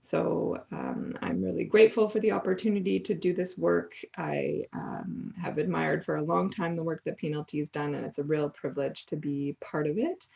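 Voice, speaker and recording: A woman with a low, gravelly voice delivers a formal, measured statement as a board nominee. The recording sounds dull and lo-fi. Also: darkish tone. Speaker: board nominee, law professor. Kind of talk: prepared candidate statement.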